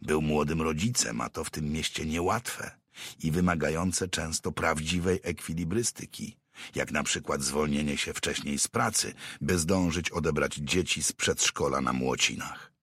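A male audiobook narrator with an exceptionally deep voice and a breathy, husky grain. He reads in a steady, measured storytelling manner. The sound is dry and close, with no room around it. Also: no room sound. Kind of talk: scripted narration.

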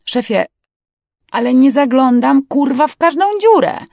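A crude, mocking young male crewman who gets excited and swears freely, as a woman puts him on. The voice is gravelly and dry. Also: medium pitch, normal speed, dry recording.

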